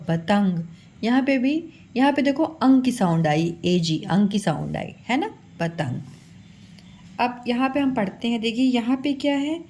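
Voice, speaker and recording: A woman's voice: fairly high pitch, darkish tone. A woman teaching children a phonics lesson, patiently sounding out each syllable and calling her pupils "beta".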